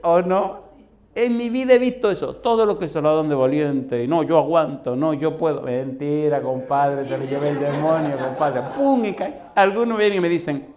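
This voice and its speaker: A man, a pastor telling personal stories in a sermon, animated and laughing as he acts out dialogue. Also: a little high, moderate pace.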